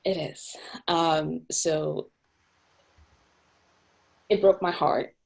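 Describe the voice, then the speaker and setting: A woman's voice: low-pitched, fairly even intonation, extremely slow, gravelly, a little mellow. A young adult woman from Cameroon, a nonprofit executive director, speaking thoughtfully in a video-call interview with frequent fillers and restarts.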